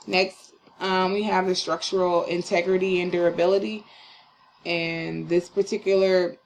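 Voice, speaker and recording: A young woman gives a class presentation late in a long day, and her voice is a little low. She sounds tired and slurs slightly. She talks casually and rambles, with fillers and restarts. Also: little pitch movement, moderate pace, slight background noise. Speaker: student presenter.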